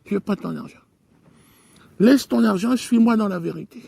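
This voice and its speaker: A man voicing Jesus, speaking quietly, calmly and gently. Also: high voice, normal speed, vocal fry, husky, full character voice. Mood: calm gentle. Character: calm gentle Jesus, refusing money.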